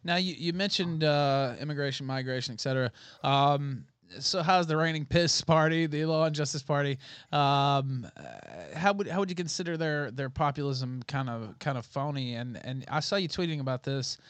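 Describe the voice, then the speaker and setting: Smooth-voiced male podcast host. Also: on the high side, no echo. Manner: halting, restarts questions with fillers. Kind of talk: casual interview questions.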